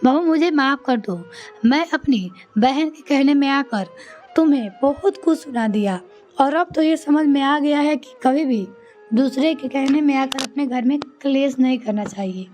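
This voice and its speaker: A woman's voice: high voice, moderate pace, a little mellow, soft background music, lightly acted. A woman voicing an older mother-in-law who complains about her daughter-in-law, reading a storybook tale. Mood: gentle. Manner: complaining, scolding. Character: older mother-in-law, sharp-tongued, later remorseful.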